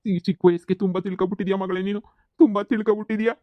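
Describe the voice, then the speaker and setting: A man's voice: on the high side, flat delivery, fast talker, no echo, lo-fi sound, lightly acted. A man voicing a rich middle-aged village father who pleads in an emotional rush. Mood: touched.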